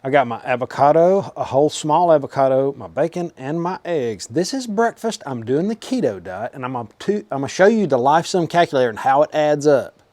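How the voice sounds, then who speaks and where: A man's voice: on the high side, animated, brisk, hardly any pauses, a little mellow, no room sound. A man hosting a home cooking vlog, talking to the camera in a casual, folksy, informal way as he cooks. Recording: clear sizzling and frying noise. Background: food sizzling on a grill.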